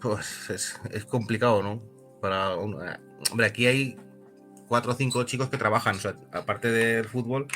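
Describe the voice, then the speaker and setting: Guy from spain, club director, low but bright voice, halting, emotional. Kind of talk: interview guest.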